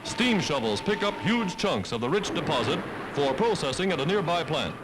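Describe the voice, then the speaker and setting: A man narrates a 1940s wartime newsreel at normal speed, his voice on the high side and his emphatic, declaiming delivery very animated. The old soundtrack is very noisy, and loud music plays under the narration.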